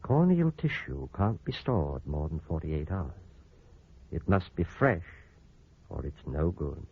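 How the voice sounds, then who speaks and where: A deep-voiced scheming surgeon on AM radio. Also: male voice, big pitch swings, takes it slowly, breathy edge, heavily acted. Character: cold, scheming male surgeon. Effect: old AM radio broadcast. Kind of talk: 1940s radio acting. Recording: tinny, narrow old AM radio broadcast.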